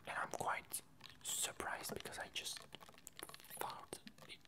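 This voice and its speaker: Softly hesitant and halting, a female ASMR creator gives an informal update in a whisper.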